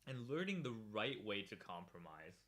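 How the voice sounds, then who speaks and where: A man's voice: fairly low pitch, sing-song, normal speed, fairly bright tone. A man hosting a livestream podcast, chatting casually, laughing often and reacting to viewers in chat.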